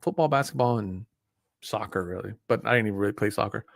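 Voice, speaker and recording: This casual stream host, a man in his early forties, talks in a loose, rambling way full of fillers and restarts during his live stream chat. His lowish voice is creaky and quick, with dry, close sound and no room sound.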